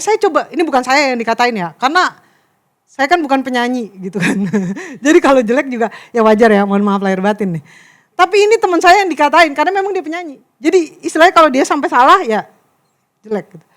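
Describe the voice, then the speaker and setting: A young woman giving a chatty, animated youth sermon and talking straight to the crowd. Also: high-pitched. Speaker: youth preacher. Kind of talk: casual sermon.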